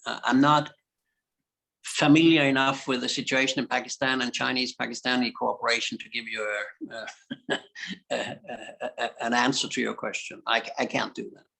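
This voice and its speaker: A man answers audience questions candidly, hesitating now and then. His voice is gravelly with a bright, forceful edge. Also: mid-range voice, level tone, moderate pace, poor audio. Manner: candid, hesitant, with small laughs. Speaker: invited speaker.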